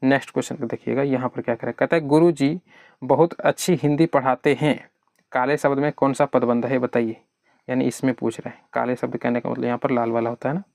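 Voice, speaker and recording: A man's voice: mid-range voice, steady tone, a little fast, vocal fry, a little mellow, no room sound, clean studio sound. A man teaching an exam prep lesson in a conversational way, answering his own questions on behalf of his students.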